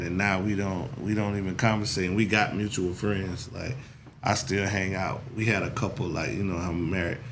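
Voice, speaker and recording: Low-pitched and carrying a little hiss or hum, this is a podcast host in his forties chatting casually on his talk show. He rambles in a laid-back way and keeps dropping "you know what I'm saying" as filler.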